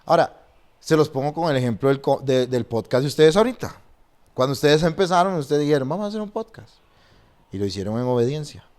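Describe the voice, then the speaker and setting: A man who is a pastor, telling stories and preaching in a lively way and often restarting his sentences. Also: mid-range voice, fast talker. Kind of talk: animated storytelling and preaching in a podcast conversation.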